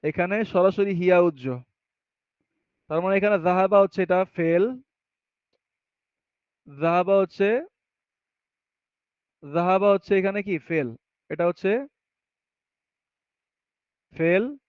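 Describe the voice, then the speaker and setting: A man teaching Arabic grammar step by step. He often asks a question and then answers it himself, and he reads the Arabic sentences slowly. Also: high voice, smooth, dry recording. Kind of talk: classroom grammar lesson. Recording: dull, muffled sound.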